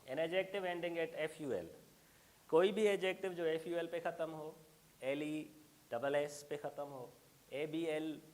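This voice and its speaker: A middle-aged man teaching an English grammar lesson, explaining patiently and calling his students "beta" as he works through examples. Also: on the high side.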